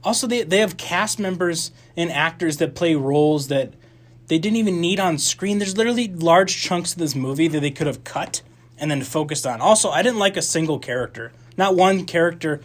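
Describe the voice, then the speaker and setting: A man's voice: fairly high pitch, moderate pace. Rambling young man reviewing movies. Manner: animated, rambling with many restarts and fillers. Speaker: radio show co-host. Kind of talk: casual movie review chat. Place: campus radio studio.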